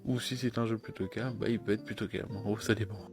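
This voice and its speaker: Casual male presenter, lowish voice, clear music bed underneath. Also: fairly even intonation, fast. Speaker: presenter introducing a streamer. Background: background music.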